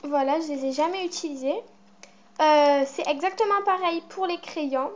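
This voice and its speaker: Chatty teenage girl, high voice, lo-fi. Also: normal speed. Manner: chatty, rambling, with many fillers. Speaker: vlogger. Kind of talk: casual show-and-tell vlog. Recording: muffled lo-fi home recording.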